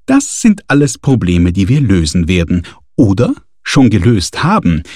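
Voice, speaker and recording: A man voicing an excitable, eager young woman who pushes her friends along in a story reading. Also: low voice, a little slow, no room sound, clean studio sound, exaggerated voice. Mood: reassuring.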